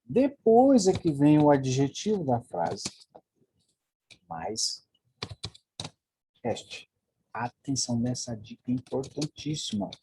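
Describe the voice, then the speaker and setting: A Brazilian man teaches English grammar in a very dark, mellow voice, going over each point more than once and checking in with his listeners as he goes. A faint hiss sits under his voice. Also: medium pitch, sing-song, takes it slowly, pauses often. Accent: Brazilian Portuguese. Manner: explanatory, repetitive, checks in with "né?" and "ó". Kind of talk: online grammar lesson.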